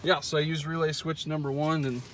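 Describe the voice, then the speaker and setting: Outdoors with background noise, a man with a fairly high voice speaks fairly quickly. He's a truck owner showing an install, and his folksy, laid-back walkthrough is full of "uh."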